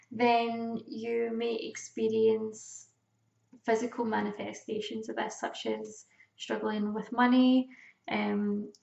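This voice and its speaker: A woman giving an informal lesson in a calm, measured manner, leaving drawn-out pauses. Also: a little high, gravelly. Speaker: energy healing teacher. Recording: echoey room, distant dull mic.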